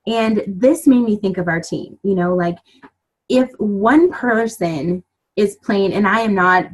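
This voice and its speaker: A woman in her thirties telling a lively personal story to her team in a casual, chatty way, full of fillers and little acted-out asides. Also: medium pitch, measured pace, low-quality recording. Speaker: team leader giving a motivational talk.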